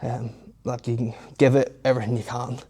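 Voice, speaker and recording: A man's voice: mid-range voice, flat delivery, fairly quick, dark tone, slightly rough. A young man giving casual, matter-of-fact commentary on his training between weightlifting sets in an informal way. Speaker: fitness vlogger.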